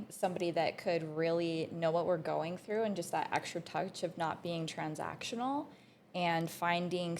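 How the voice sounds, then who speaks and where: A woman's voice: fairly low pitch, slight background noise. A young woman from Canada, a realtor being interviewed on a podcast, talking earnestly and conversationally. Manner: earnest, conversational, quick short agreements. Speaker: realtor guest.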